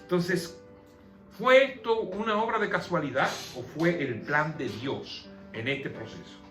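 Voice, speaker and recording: A man's voice: a little high, unhurried. A man leading a conversational Bible study, explaining the passage and posing questions to his listeners. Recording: echoey room with soft music behind.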